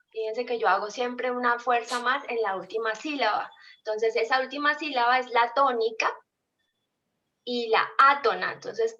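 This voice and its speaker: A woman's voice: on the high side, bright, forceful tone. A woman teacher on a dull lo-fi call. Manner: patient, explanatory, questions students often. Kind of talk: online class lecture.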